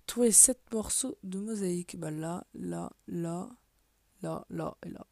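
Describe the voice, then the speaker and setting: A woman talks her way through a game in an offhand, muttering let's play style, often sinking to a half-whisper and swearing under her breath. Her voice is mellow and dark, and the recording is dry and close with no room sound. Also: lowish voice, slow, creaky, no room sound. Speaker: gaming video creator. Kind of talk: casual let's play commentary.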